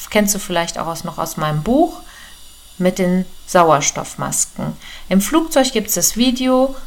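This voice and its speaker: A woman giving a personal, direct self-help talk that speaks to the listener as a friend. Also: mid-range voice. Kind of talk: casual coaching monologue. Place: room indoors with a door.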